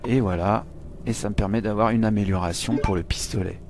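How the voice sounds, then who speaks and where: A man giving casual, excitable play-by-play commentary on a live game stream, swearing and laughing often. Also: lowish voice, a little fast, very noisy. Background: game music.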